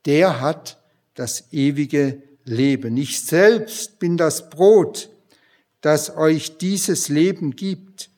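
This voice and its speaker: A man preaching a sermon and reading a long Bible passage aloud in a slow, measured way. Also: on the high side.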